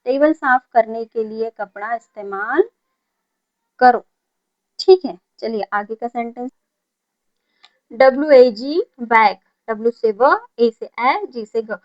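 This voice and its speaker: A woman's voice: a little high, slow pace, pauses often, muffled recording. A woman teaching a beginner phonics lesson, spelling out each word letter by letter, repeating it, and answering her own questions. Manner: asks questions then answers them herself. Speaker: English teacher.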